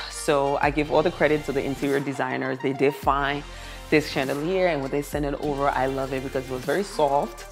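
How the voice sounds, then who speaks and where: A woman giving a casual home makeover tour to viewers, gushing admiringly about the decor as she goes. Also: sits low. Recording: music behind the voice. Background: background music.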